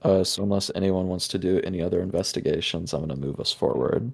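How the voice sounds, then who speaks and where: A man's voice: deep voice, fast talker, creaky, husky. A man narrating as game master in a tabletop game, talking casually with many fillers and restarts.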